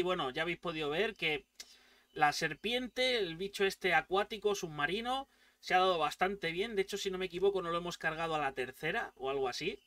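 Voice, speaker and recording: A man with a Spain Spanish accent doing let's play commentary, excitable, swearing and yelling at the game. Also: sits high, dry recording, far from the mic. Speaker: gaming YouTuber.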